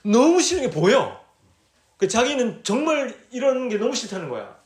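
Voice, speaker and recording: Lively high-voiced male preacher. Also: normal speed, echoey room. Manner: conversational, asks the audience questions; acts out his own dialogue in stories. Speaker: preacher at a church retreat. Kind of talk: sermon. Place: church or retreat hall.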